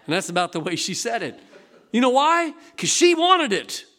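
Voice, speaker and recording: A male pastor preaching a sermon in a church, lively and folksy, acting out the voices of people in his stories. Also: very high-pitched, moderate pace. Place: church sanctuary.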